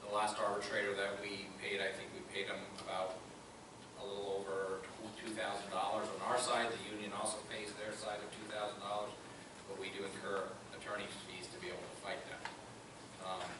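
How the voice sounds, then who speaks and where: Low man explaining in an echoey boardroom. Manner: measured, explanatory, hesitant fillers. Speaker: school board official. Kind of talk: meeting discussion. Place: large meeting room. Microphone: far room camera. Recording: echoey room from far off, hissy.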